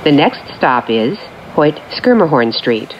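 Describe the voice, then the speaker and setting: Her voice is low but swings widely in pitch as this transit announcer delivers scripted train announcements. Each formulaic phrase is measured and clearly separated. Taken from speakers aboard a subway train, the recording is muffled and full of train noise.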